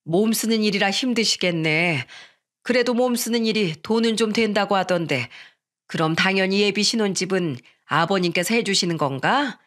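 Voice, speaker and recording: A woman's voice: medium pitch, normal speed, fairly bright tone, lightly acted. A woman voicing a brazen, condescending middle-aged future mother-in-law in a narrated radio story.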